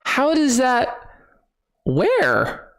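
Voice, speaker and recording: A man hosting a live gaming stream, chatting with viewers, excitable, laughing often and repeating himself. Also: very high-pitched, drawn-out words. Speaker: streamer host. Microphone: desk microphone.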